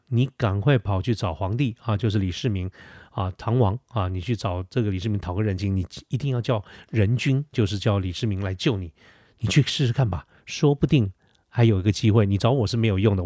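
A man's voice: fairly low pitch, warm tone, no room sound. Man, podcast storyteller, chatty asides, close studio mic, dry sound. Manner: chatty, uses filler particles, asides to listener. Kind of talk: casual storytelling narration. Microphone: Shure dynamic studio mic, close.

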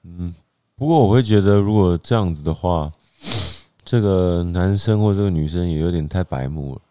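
A man's voice: low-pitched, normal speed, mellow, smooth, no room sound, studio quality. A man with a Taiwanese accent chatting casually as a co-host on a talk show. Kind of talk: casual chat.

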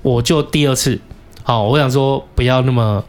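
A man's voice: medium pitch, normal speed. Swearing storyteller, Taiwanese Mandarin man. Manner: animated storyteller, swears, shouts when reenacting anger. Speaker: podcast co-host. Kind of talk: casual storytelling chat.

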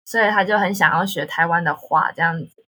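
Bright Taiwanese-accented woman, slightly husky. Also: on the low side, brisk. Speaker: guest, language tutor. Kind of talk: casual conversational storytelling.

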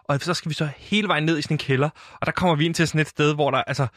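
A man's voice: fairly high pitch, fairly even intonation, a bit bright, no room sound, clean studio sound. Rambling man telling a wild story. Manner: rambling, laughs at own story. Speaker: storyteller in comic interview. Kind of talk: deadpan absurd storytelling.

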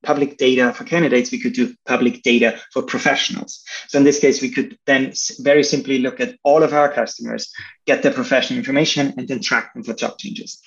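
A man's voice: mid-range voice, steady tone, a little fast, creaky. A man from Austria, a startup founder, answering interview questions in a chatty, casual way. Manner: chatty, lots of "like" fillers. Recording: dull lo-fi audio.

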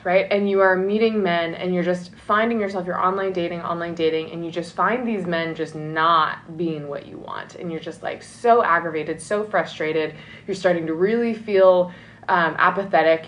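A woman's voice: fairly low pitch, slight background noise, low-quality recording. A woman talking as a love and dating coach in a motivational podcast monologue, earnest and encouraging, often checking in with "right?".

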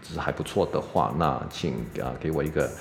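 A man teaching English pronunciation on a podcast, explaining step by step, saying "OK" constantly and sounding out words slowly. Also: a bass voice, gravelly. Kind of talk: casual spoken lesson. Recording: long reverb, faint background noise.

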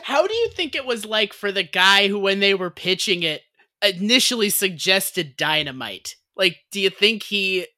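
A woman co-hosting a loose, jokey podcast, her voice bright and forward. She rambles through her ideas with stacked fillers and laughs along the way, at an ordinary middle pitch. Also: big pitch swings, moderate pace. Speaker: podcast co-host. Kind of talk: casual comedic chat.

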